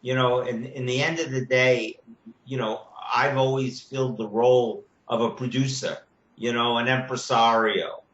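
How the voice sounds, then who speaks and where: A man in his seventies speaking on a video call, measured and halting, with many "you know" fillers. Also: medium pitch, fairly even intonation, a bit bright. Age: 70s. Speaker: children's media producer. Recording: echoey, muffled video call audio.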